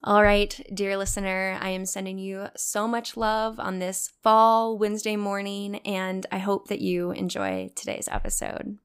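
A woman's voice: medium pitch, lively intonation, unhurried, few pauses, smooth. A woman hosting a podcast, speaking earnestly and affirming her guest in a casual interview. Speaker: podcast host.

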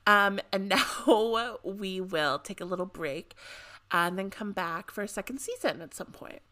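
A young woman co-hosts a casual podcast with a sharp, bright tone. She talks in an excitable, chatty way and laughs easily. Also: mid-range voice, measured pace. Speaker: podcast co-host. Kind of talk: casual chat.

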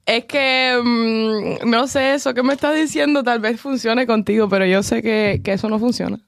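A woman's voice: on the high side, steady tone, normal speed, creaky, no room sound. A woman co-hosting a casual podcast chat, skeptical and questioning, pressing the others to explain.

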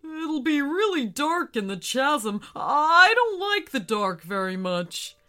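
A woman's voice: high-pitched, big pitch swings, takes it slowly, bright, forceful tone, pitched above the performer's own voice, heavily acted. A woman voicing a timid whale in a children's story, talking in a hesitant, worried way. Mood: nervous. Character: timid nervous whale who fears the dark.

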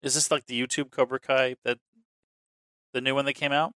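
Dude rambling about a movie, swears a lot, mid voice, dry sound. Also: male voice, medium pitch, fairly quick, clear, resonant tone, dry recording. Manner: rambling, profane, animated storytelling. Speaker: podcast co-host. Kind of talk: casual movie chat.

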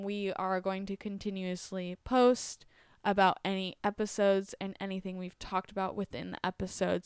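A woman's voice: medium pitch, clear, resonant tone, dry recording, studio quality. A woman hosting a podcast, closing an episode in a friendly, chatty way with fillers. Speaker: podcast host. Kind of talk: casual podcast sign-off.

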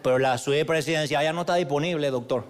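A man's voice: on the high side, quick pace, close to an everyday voice. Man putting on a drawling apologetic Cali clerk. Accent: Colombian (Cali). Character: young male hotel clerk from Cali, apologetic.

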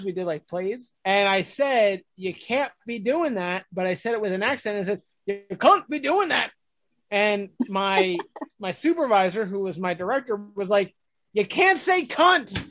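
A woman's voice: mid-range voice, a little slow, no echo. An American woman hosting a casual chat, telling stories with self-mocking humor. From United States. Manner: chatty, self-mocking storyteller.

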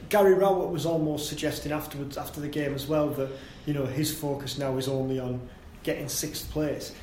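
Higher-voiced man hosting a podcast. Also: fairly quick, a little hiss or hum. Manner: relaxed, conversational, leads questions with fillers. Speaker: podcast host. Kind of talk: casual football podcast chat. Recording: echoey room with faint ambience.

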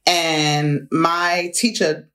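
A middle-aged woman with a fairly low voice tells lively stories from her life. She laughs often and talks in a loose, conversational way as an interview guest. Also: extremely slow. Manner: laughs often, animated anecdotes. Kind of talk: conversational storytelling.

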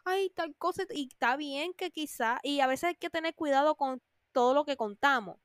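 A woman hosting a podcast, animated, acting out whiny friends in a higher voice. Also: moderate pace, no echo. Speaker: podcast host. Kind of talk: casual monologue.

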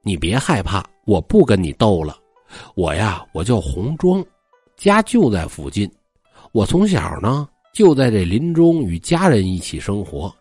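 A man voicing a playful, coaxing young forest maiden who may be a ghost, in a husky voice. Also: fairly low pitch, sing-song, unhurried, darkish tone, dry recording, faint music behind, pitched below the performer's own voice, heavily acted. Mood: teasing. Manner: playful, coaxing, mock-spooky.

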